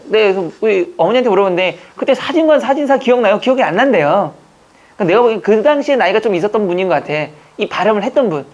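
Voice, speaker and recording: A man from Jeju Island teaching an exam-prep language class, chatting, joking and quizzing his students with quick questions. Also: high voice, darkish tone. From Jeju Island, Korea. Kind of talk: classroom lecture. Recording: dull lo-fi lecture recording.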